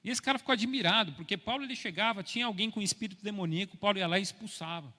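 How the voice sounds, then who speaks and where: A middle-aged Brazilian man preaching a sermon, telling stories with an ironic humor and moving from soft asides to loud, forceful preaching. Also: sits high, rapid-fire. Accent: Brazilian Portuguese. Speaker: pastor. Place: church hall. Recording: long church hall reverb.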